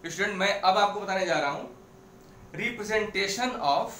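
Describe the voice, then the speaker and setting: A man's voice: sits high, fast, bright, forceful tone, slight background noise. A man teaching a maths class step by step, repeating key points and mixing English phrases into his explanations. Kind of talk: blackboard maths lesson. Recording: echoey room, mic at a distance.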